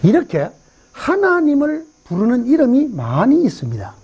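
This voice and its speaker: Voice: sits high, huge pitch swings, moderate pace, mellow, breathy edge, muffled recording. A pastor preaching a sermon at a church revival meeting, telling a story and asking the congregation rhetorical questions.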